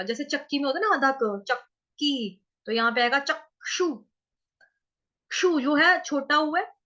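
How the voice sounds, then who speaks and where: A woman teaching how to chant a Sanskrit verse, breaking words into syllables, repeating them slowly and answering her own questions. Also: sits high, sharp tone, lo-fi sound. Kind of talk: pronunciation lesson in Hindi.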